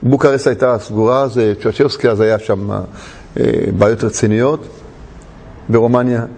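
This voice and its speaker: Gravelly-voiced man telling a story. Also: medium pitch. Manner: animated storyteller, laughs often. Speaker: religious teacher. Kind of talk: storytelling sermon. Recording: long hall reverb.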